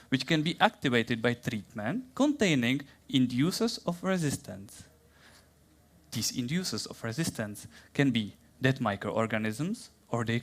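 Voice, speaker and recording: A young man with a Czech accent giving a playful, theatrical science talk in a plant's voice, then answering questions in halting English. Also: medium pitch. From Czech Republic. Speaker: science communication contestant.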